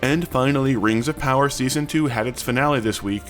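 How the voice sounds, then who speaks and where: Male news host, scripted narration in a middle-pitched voice, music bed behind. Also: a little fast. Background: background music.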